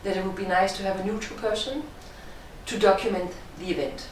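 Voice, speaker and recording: A middle-aged woman from Denmark with a Danish accent, a film director giving measured, thoughtful interview answers. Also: mid-range voice, steady tone, slight background noise. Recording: echoey room, distant mic.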